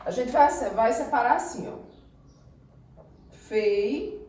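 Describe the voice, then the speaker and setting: A woman teaching a Brazilian Portuguese grammar lesson for exam prep, repeating words slowly and breaking them into syllables. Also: a little high, lively intonation, a little mellow, roomy sound, poor audio.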